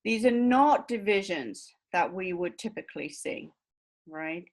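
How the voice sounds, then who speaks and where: A woman's voice: mid-range voice, animated, measured pace, darkish tone. A woman university lecturer giving a recorded lecture, explaining step by step and checking understanding with frequent tag questions.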